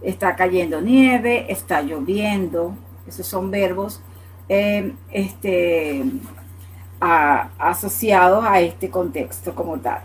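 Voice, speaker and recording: A woman's voice: fairly low pitch, slow pace, rough recording. A woman from Latin America teaching English words in Spanish on a live online class, explaining patiently and checking in with "ok?" after each point. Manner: answers viewers' questions by name. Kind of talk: live online language lesson.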